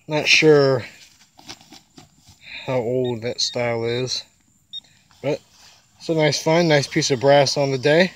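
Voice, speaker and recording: A man's voice: mid-range voice, steady tone, slow, pauses often, fairly bright tone. A young man chatting casually as a treasure hunter on a vlog. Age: young adult. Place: outdoors, on lawn and river water. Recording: noisy outdoor handheld camera audio.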